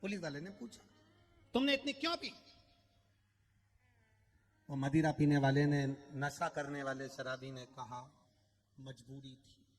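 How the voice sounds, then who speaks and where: Here the Shiva Purana preacher's fairly high voice moves at a measured pace with long pauses, sounding as if in a large hall. At a big outdoor religious gathering, he delivers his katha through stories, repeated phrases and sung lines.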